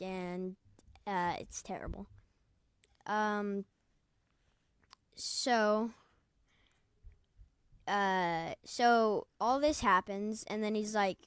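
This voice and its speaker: A woman's voice: medium pitch, fairly bright tone, clear, resonant tone, dry recording, clean studio sound. A woman casually recapping a video, rambling and hesitant, with many fillers.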